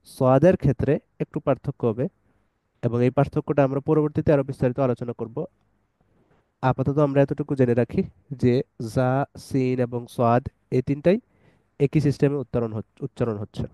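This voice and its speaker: Mellow-voiced man teaching Quran recitation. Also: mid-range voice, fairly even intonation, dry recording, rough recording. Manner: patient step-by-step explaining, recites verses slowly. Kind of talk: online tajweed lesson.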